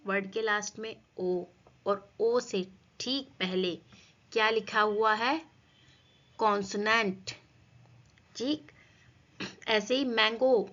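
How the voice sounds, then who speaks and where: Female grammar teacher, unhurried, quizzing pupils; muffled lo-fi recording. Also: a little high, pushed and bright. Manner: asks and answers her own questions, addresses students as children. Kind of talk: classroom grammar lesson.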